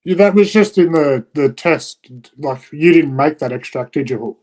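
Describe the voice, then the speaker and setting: A man's voice: on the high side, animated, moderate pace, darkish tone. A man chatting casually in a laid-back, sweary way. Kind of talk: casual chat.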